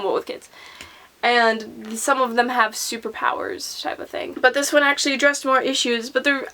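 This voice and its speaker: A woman's voice: a little high, bright, forceful tone. A young woman vlogger giving a casual, rambling book review, full of fillers and restarts. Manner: chatty, rambling, frequent "like" and restarts.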